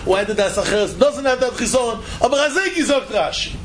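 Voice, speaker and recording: A man's voice: very high voice, expressive, a little fast, a little hiss or hum. A man with lecturing informally as a Talmud teacher, asking rhetorical questions and repeating phrases for emphasis.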